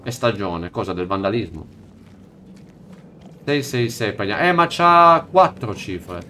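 Excitable man gaming on stream. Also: unhurried, soft background music. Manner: mutters low to himself, then yelps and shouts when startled. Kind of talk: live blind playthrough commentary.

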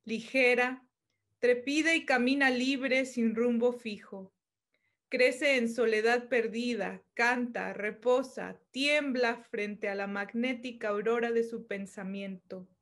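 A woman reading her own poem aloud in a calm, measured lyrical recitation. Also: on the high side. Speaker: poet. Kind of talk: poetry reading.

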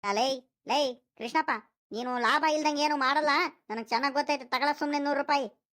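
A woman's voice: high voice, brisk, fairly bright tone. A woman voicing a stingy, fussy old village grandfather in a cartoon, nagging and haggling, with a rural Karnataka Kannada accent. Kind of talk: cartoon voice acting.

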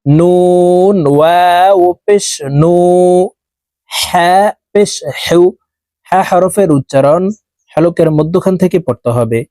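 A man teaching Quran reading, chanting letters and syllables one by one in a drawn-out way, with brisk asides of explanation. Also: sits high, mellow, no echo. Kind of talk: slow spelled-out recitation lesson.

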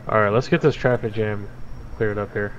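A man's voice: lowish voice, fairly even intonation, normal speed. A man playing a police supervisor, calling in over a lo-fi radio in short, matter-of-fact codes. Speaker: police supervisor in a game roleplay. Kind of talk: police radio roleplay chatter. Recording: dull lo-fi audio with loud noise.

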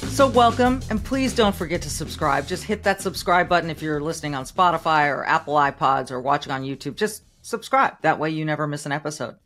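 A woman's voice: sits low, animated, a little fast, few pauses, a bit bright, soft background music. A middle-aged woman hosting an interview podcast, introducing her guest in an upbeat, conversational way from a home office studio mic. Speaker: podcast host. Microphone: studio microphone on arm.

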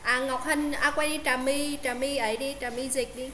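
A woman's voice: high-pitched, fairly even intonation, normal speed, sharp tone, roomy sound. A woman tutoring English pronunciation on a video call, explaining with many fillers and checking questions. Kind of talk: casual online tutoring. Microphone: Zoom call.

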